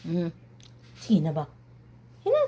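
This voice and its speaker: A woman's voice: lowish voice, huge pitch swings, takes it slowly, mellow, husky. A woman from the Philippines filming a home vlog, playfully coaxing her dog to howl and making long howling sounds herself. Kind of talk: casual home vlog talk to a pet.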